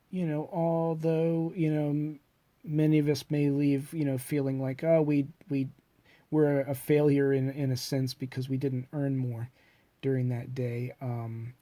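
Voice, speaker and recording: Here the congested, middle-aged author sounds higher-pitched and warm, keeping a level tone at a slow pace with no echo. Suffering from a cold, he wanders through a hesitant, reflective monologue about himself, full of fillers and restarts.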